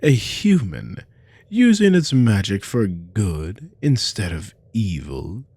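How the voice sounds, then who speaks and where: A man playing a cruel, haughty naga army commander in an ASMR role-play, slow and domineering, with a gravelly, breathy voice. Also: fairly low pitch, darkish tone, no room sound, full character voice. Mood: mocking, condescending. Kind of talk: scripted ASMR role-play monologue to a captive listener.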